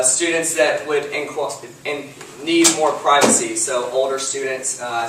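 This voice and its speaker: A young man from Texas walks through his slides one by one, filling pauses with ums and uhs. He is heard from a distance in a very reverberant room with faint background hiss. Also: fairly high pitch, a bit bright. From Lufkin, Texas. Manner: walks through slides methodically with frequent uh and um fillers. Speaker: student presenter. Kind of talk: class project presentation. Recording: distant mic in an echoey room with faint noise.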